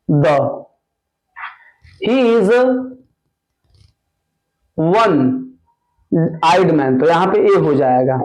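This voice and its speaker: A man teaching an exam-prep grammar lesson, going slowly and repeating each answer word by word. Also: fairly high pitch, a little mellow, poor audio. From India. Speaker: English teacher.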